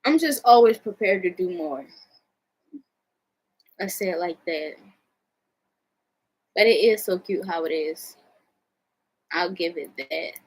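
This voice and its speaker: A woman's voice: on the low side, animated, slow, pauses often, slightly rough, rough recording. An American woman chatting casually in a vlog, rambling in a laid-back way and swearing freely. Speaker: vlogger showing own artwork. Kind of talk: casual chat.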